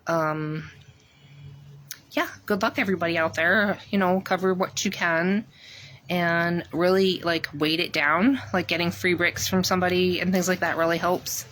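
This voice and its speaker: A woman's voice: on the low side, fairly even intonation, normal speed, a bit bright, a little hiss or hum. A woman talking in a rambling, chatty way on a casual garden tour, filming herself outdoors with a phone while out of breath. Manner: rambling, many ums, chatty. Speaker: gardening vlogger.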